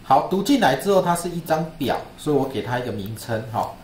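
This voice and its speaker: A man lectures in with a chatty, repetitive way of talking, checking in with "right?" again and again. His voice sits at an ordinary pitch and sounds roomy, with a faint hiss behind it. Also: very animated, quick pace, a little mellow. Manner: chatty, repeats himself, asks "right?". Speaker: statistics lecturer. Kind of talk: classroom screen-share lesson. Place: classroom.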